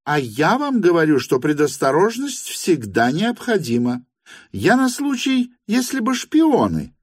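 A man's voice: fairly high pitch, wildly swooping pitch, measured pace, breathy edge, no room sound, pitched above the performer's own voice, full character voice. A bossy, suspicious lady of the house, commanding and easily indignant, voiced by a man reading an audiobook. Her voice sits well above a male reader's own and leaps about wildly. The sound is dry and close. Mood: insistent. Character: bossy middle-aged hostess, insistent and suspicious.

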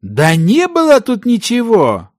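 A man doing a shouting, scolding desert merchant. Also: a little high, huge pitch swings, normal speed, pitched above the performer's own voice. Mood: angry scolding. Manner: loud, shouting, mocking.

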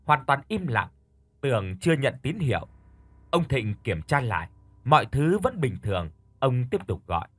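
Male narrator, husky, lively intonation, dry close recording, measured scripted story. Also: medium pitch, no room sound. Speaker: audiobook narrator.

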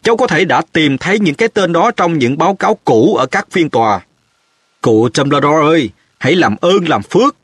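A man voicing a stubborn, indignant middle-aged male minister who blusters in a raised, husky voice. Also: fairly high pitch, lively intonation, moderate pace, dry recording, clean studio sound, voice pushed up. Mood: pleading.

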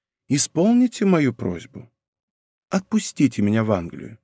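A man's voice: on the high side, lively intonation, normal speed, darkish tone, no echo, studio quality. A man voicing a proud young princess in an audiobook, pleading and slightly mocking. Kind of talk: audiobook character reading.

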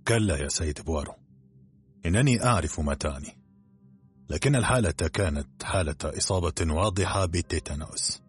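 A man's voice: low voice, fairly quick, faint music behind, lightly acted. A man voicing a curt, rational expedition doctor who trusts only science. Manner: curt, matter-of-fact.

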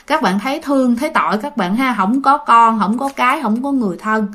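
A woman's voice: on the high side, a little fast, a bit bright. A woman casually telling a ghost story, chatting to her listeners and often repeating her words.

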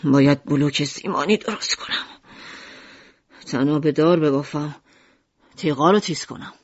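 A woman voicing a gruff, stern middle-aged male shopkeeper who is easily exasperated. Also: deep voice, dry recording, pitched below the performer's own voice. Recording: dull lo-fi audiobook recording.

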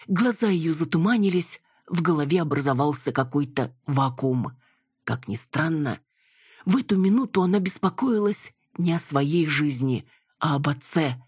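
A woman reading a novel aloud in steady, tense narration. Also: low voice, slightly rough, no echo, studio quality. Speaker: audiobook narrator. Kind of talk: scripted narration.

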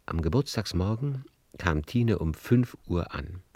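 A deep-voiced man tells a radio play like a literary storyteller, measured and lyrical, with lively intonation and a warm tone that carries a breathy edge. The recording is close and dry, without room sound.

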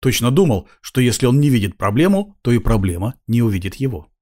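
Lively male audiobook narrator. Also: medium pitch, quick pace.

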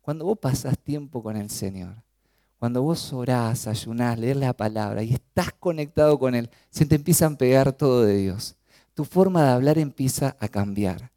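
Animated Argentine preacher, dry sound. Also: male voice, normal speed, no room sound. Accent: Argentine Spanish. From Chaco, Argentina. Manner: animated preaching, rising to emphatic peaks then dropping low. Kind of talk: sermon.

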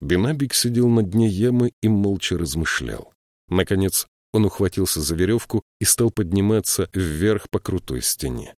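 A man narrating a fantasy novel as an audiobook, measured and expressive. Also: sits low, no room sound, clean studio sound.

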